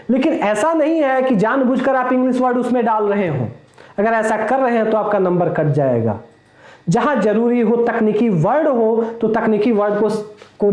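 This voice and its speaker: A man with a very high voice teaches a class. He explains step by step, repeats key points and throws rhetorical questions at his students. His voice echoes around the room. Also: darkish tone. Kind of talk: classroom lecture.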